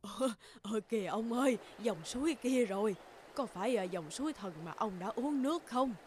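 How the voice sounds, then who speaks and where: A woman's voice: mid-range voice, a little slow, darkish tone, a little hiss or hum, pitched below the performer's own voice, lightly acted. A woman voicing an old village wife in a storybook cartoon, speaking hesitantly with many fillers. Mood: eager.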